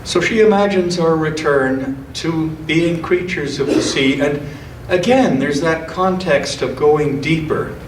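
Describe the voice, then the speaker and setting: In church, a man reads aloud and slips into casual commentary now and then, his voice pitched a little high. He takes his time, reflective and careful with each phrase. The audio feels roomy and somewhat distant, with a faint wash of noise underneath.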